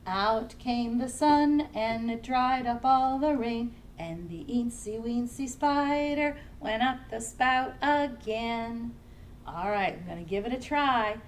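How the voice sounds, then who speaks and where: A children's librarian leads a family storytime, singing nursery songs in English and simple Spanish while gently inviting the little ones to join in. Her voice sits a little high and moves at a slow pace. She sounds somewhat distant from the mic, with faint music and slight background noise.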